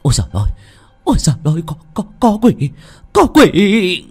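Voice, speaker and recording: A man voicing a terrified old woman servant, with a high, strained, shaky voice, in a storytelling reading. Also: sing-song, extremely slow, vocal fry, soft background music, heavily acted. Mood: panicked. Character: terrified old maidservant woman, shrill and trembling.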